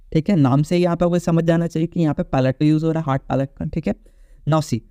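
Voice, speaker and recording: Brisk Indian man teaching phonetics. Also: fairly high pitch, dark tone, no echo, highs cut off. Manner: explanatory, checks in with frequent "theek hai?" and slows down for English terms. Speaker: English teacher. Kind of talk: exam-prep phonetics lesson.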